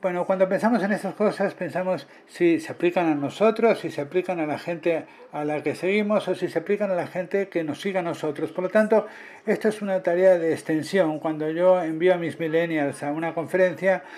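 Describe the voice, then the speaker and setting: A man works as a simultaneous interpreter for a conference talk, tracking the speaker in short phrases and correcting himself along the way. His voice is high with a darkish tone, and he speaks a little fast.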